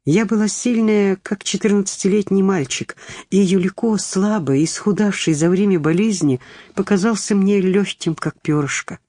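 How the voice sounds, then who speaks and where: Calm woman reading a storybook aloud. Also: medium pitch, normal speed, dry recording, clean studio sound. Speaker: audiobook reader. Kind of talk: scripted narration.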